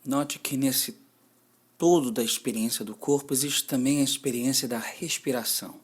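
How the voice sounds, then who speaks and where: A man whose medium-pitched voice is slightly rough guides a mindfulness meditation with a Brazilian Portuguese accent. Each gentle, deliberate instruction is followed by a long pause.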